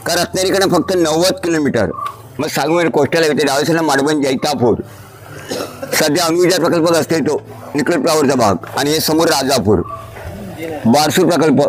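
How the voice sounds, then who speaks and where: Male tour guide, pointing things out as he walks; stone rooms with a long, roomy echo. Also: a little high. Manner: addresses the listener as sir, points things out. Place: stone fort chambers and grounds. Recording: echoey stone hall, long reverb.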